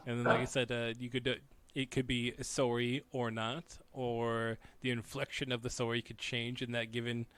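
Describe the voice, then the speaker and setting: A man co-hosting a podcast, talking in a relaxed, rambling way with frequent fillers. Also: medium pitch, moderate pace, clear, resonant tone. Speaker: podcast co-host. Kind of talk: casual chat.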